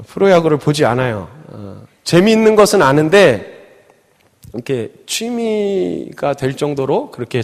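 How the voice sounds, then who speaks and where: A man's voice: fairly high pitch, a little mellow. A man giving a youth sermon in a church, chatty and full of fillers, telling stories and acting out the quotes. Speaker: youth pastor. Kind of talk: sermon with storytelling. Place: church sanctuary. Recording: long hall reverb.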